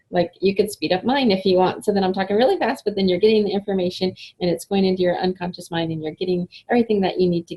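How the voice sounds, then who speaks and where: A woman's voice: fairly low pitch, gravelly, dark tone, slightly rough, rough recording. A middle-aged woman giving a chatty, enthusiastic online class to listeners, with frequent fillers and little laughs. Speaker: essential oils presenter. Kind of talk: casual online class talk.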